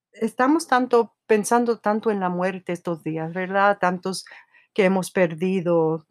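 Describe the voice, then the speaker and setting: A woman hosting a podcast with a New York Spanglish accent, chatting casually, laughing often and slipping into English. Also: medium pitch. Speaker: podcast host.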